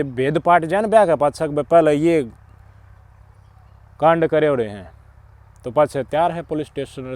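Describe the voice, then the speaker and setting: A middle-aged man with a Haryanvi accent gives preachy, emphatic social commentary as a channel host, swinging between loud outbursts and muttered asides. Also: medium pitch.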